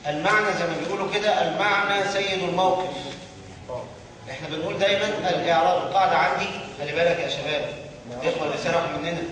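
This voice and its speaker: A man with an Egyptian Arabic accent teaching a grammar lesson to a class, often pausing on a question for students to fill in the answer. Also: fairly high pitch, a crowd in the background. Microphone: distant room mic. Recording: echoey hall from far off.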